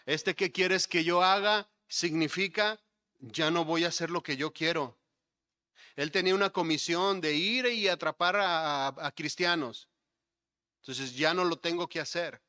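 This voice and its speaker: A male pastor preaching a sermon, building to emphatic points and dropping to soft, low asides. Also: a little slow. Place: church sanctuary.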